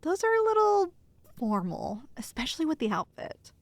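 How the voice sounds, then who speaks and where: Playing a loving girlfriend in an intimate ASMR roleplay, a woman speaks close to the mic in a dry recording, her slightly high voice carrying a noticeable creak. Heavily acted, with huge pitch swings at a moderate pace, she playfully teases and tenderly reassures her nervous partner.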